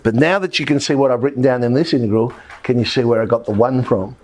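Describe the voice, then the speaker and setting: A man's voice: medium pitch, fast, a little mellow. A man teaching a maths lesson, working through examples step by step and thinking aloud as he writes. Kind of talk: recorded maths lesson at a board.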